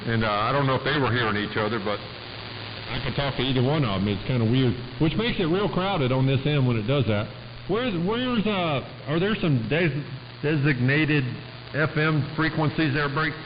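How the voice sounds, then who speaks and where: An amateur radio operator chats casually with other operators over a two-way radio, folksy and rambling and full of radio lingo. He has a mid-range voice with lively intonation and talks at a normal speed. The transmission is muffled, with clear static.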